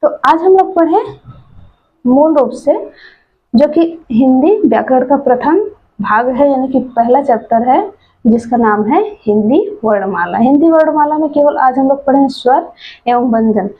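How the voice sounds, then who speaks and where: A woman teaching an exam-prep grammar lesson, drilling slowly and reciting letters one by one. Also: high-pitched, breathy edge, narrow, tinny audio.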